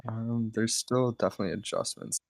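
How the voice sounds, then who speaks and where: A man's voice: lowish voice, fairly even intonation, fairly quick, no room sound. A man chatting casually over a remote call, his voice coming through as corrupted, glitching audio while he talks offhandedly as he works. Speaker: friend on a call. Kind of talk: casual chat.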